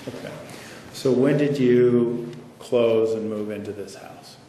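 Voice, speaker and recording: A man questioning a witness as an attorney, asking measured, leading questions, in a courtroom recording. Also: medium pitch, steady tone, warm tone, a little hiss or hum. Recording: echoey courtroom audio from far off.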